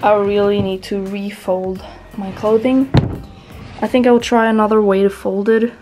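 A young woman chatting casually in a voice-over for her cleaning vlog, soft and hesitant, with many fillers. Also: medium pitch, little pitch movement, normal speed, music in the background. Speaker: vlogger.

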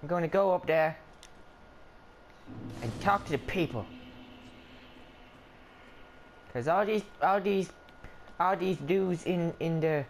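A man's voice: a little high, a little hiss or hum. A man voicing a skittish, whiny little male adventurer in let's play commentary, rambling and stammering, yelping whenever something attacks. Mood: grumbling. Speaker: gameplay commentator.

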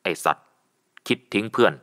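A man voicing a gruff young husband who growls and curses, in a storybook reading. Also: a little fast, fairly bright tone, natural voice. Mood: angry. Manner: cursing, growling.

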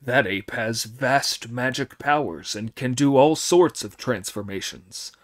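A man voicing a wily monkey king who poses as an old demon king, in a slow, sly, mock-grave manner. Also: mid-range voice, natural voice.

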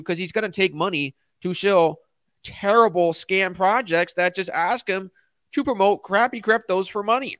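A middle-aged crypto YouTuber hosts a casual livestream, ranting bluntly and emphatically with slangy asides while reading and answering chat. His voice is high-pitched and a bit bright. He uses a close studio microphone, and the recording is dry.

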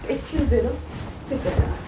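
A woman's voice: a little fast, roomy sound, over music. A woman pranking a friend, talking in a pushy, playful, pleading way. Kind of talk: improvised prank video.

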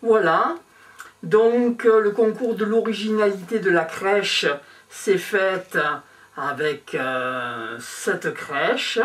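An older man from Provence presenting his handmade nativity crib to camera in a small room, talking in slow halting phrases full of pauses and fillers. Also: high voice, a bit bright, recorded from a distance. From Provence, France. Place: small indoor room with a decorated table. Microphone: clip-on lapel mic.

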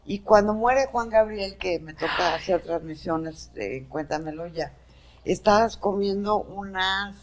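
A woman's voice: mid-range voice, a little slow. Host: friendly, teasing Mexican woman, short, prodding questions. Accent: Mexican Spanish. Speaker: interview show host. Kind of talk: casual interview chat.

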